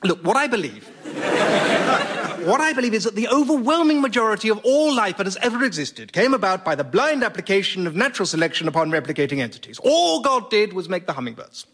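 A man's voice: high voice, very animated, quick pace, fairly bright tone, husky, heavily acted. A man playing an older science professor, earnest and lecturing.

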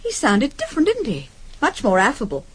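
An actress playing a gracious, curious wife in a radio drama. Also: female voice, high voice, huge pitch swings, a little fast, breathy edge, full character voice, poor audio. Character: gracious, curious English wife of a gentleman investigator.

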